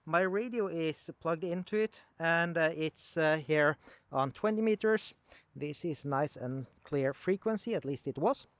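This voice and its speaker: A hobbyist demonstrates some equipment casually and without a script, explaining in a halting, conversational way. His voice is a little high, and there is no room sound.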